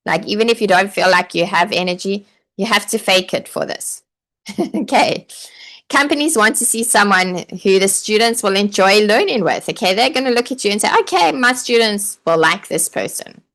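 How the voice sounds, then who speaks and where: A woman with a mid-range, fairly bright voice and lively intonation speaks at normal speed during a live online training session. She coaches aspiring online teachers, chatty and encouraging, reading viewer comments aloud and leaning heavily on "like" and "okay."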